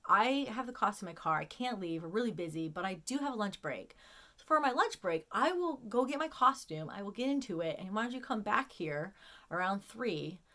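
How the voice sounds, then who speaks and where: Speaking to the camera, a woman tells a personal story casually but emotionally, near tears at times and often repeating words. Her mid-range voice is animated, brisk, pushed, and bright.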